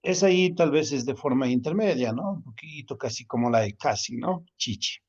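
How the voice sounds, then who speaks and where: A man's voice: mid-range voice, lively intonation, normal speed, darkish tone, muffled recording. A man teaching a language class, repeating each word patiently and checking in often with his students. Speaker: Quechua teacher. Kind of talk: online class lesson.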